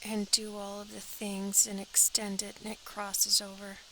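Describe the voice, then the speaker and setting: A woman's voice: medium pitch, completely flat delivery, unhurried, a bit bright, a little hiss or hum, rough recording. A woman teaching a step-by-step sewing pattern drafting tutorial, practical and talking as she works, often dropping to an airy half-whisper.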